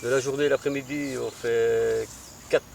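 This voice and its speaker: By a lake, a competitive angler with a Belgian French accent answers casual interview questions hesitantly, with many fillers. His medium-pitched voice is steady, a little slow, creaky and slightly mellow, picked up by a distant mic amid crickets and rural ambience.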